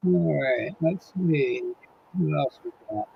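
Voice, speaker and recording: Speaking slowly with vocal fry and a slightly rough voice on the high side, a man hosts a live-stream podcast in a muffled recording. He begins with a long disclaimer before greeting chat viewers by name in turn, and notes that he's losing his voice.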